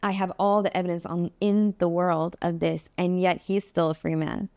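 A woman's voice: on the low side, flat delivery, moderate pace, gravelly, darkish tone, no room sound. A woman, a guest on a podcast, telling a personal story in a candid, earnest way with many fillers. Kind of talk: interview storytelling.

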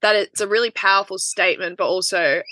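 Woman interviewer, bright voice, dry close mic. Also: medium pitch, fairly even intonation, fast talker, no room sound. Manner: long rambling questions with many likes. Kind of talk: casual interview questions.

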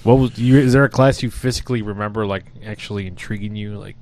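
A man's voice: on the low side, fairly even intonation, fast, darkish tone. A young man hosting a casual podcast chat, loose and laughing, swearing often. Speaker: podcast host.

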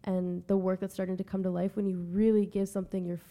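A woman with a mellow, slightly gravelly voice co-hosts a casual podcast. She rambles warmly, full of "like" and "um", and nudges her guest along. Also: mid-range voice, little pitch movement, fast talker. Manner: rambling, filler-heavy, encouraging. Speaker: podcast co-host. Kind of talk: casual chat.

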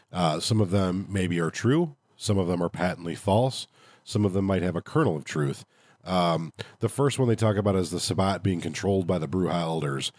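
A podcast host with a low-pitched, slightly mellow voice talks in a casual review style, sounding nasal and congested from a cold. The recording is clean studio sound with no room sound.

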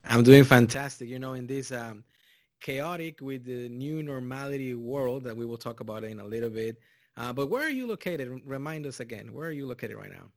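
A man's voice: medium pitch, animated, no echo, studio quality. A man from Mexico with a Mexican Spanish accent, hosting a board game podcast in casual chat, rambling with fillers and restarts. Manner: loud and drawn-out in the intro. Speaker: podcast host.

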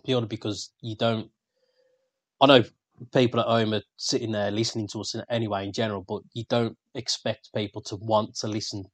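A man's voice: lowish voice, steady tone, brisk, no room sound. Sweary rambling man, dry sound. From England. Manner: sweary, rambling, laughs often. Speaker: podcast co-host. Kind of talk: casual banter.

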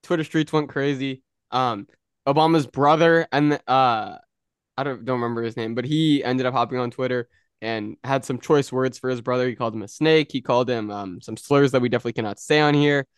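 A young man co-hosting a podcast in casual chat, telling stories in an animated way and laughing often. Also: medium pitch, a little fast, clear, resonant tone, dry recording, studio quality. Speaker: podcast co-host.

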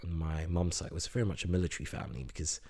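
A man's voice: deep voice, rapid-fire, a little mellow, husky. A man in his twenties from Singapore, a chemistry student chatting casually in an interview, hesitant with many fillers. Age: 20s.

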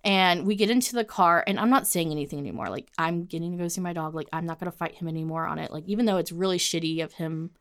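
A woman co-hosting a podcast, telling a story in a casual, animated way, full of swearing and "like" fillers. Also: on the low side, fast talker, hardly any pauses. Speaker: podcast co-host.

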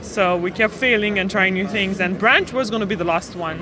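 A woman's voice: medium pitch, normal speed, crowd noise. A woman in her thirties from Romania, a startup co-founder explaining her work in a matter-of-fact way as a podcast guest. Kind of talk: podcast interview. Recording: noisy street ambience behind.

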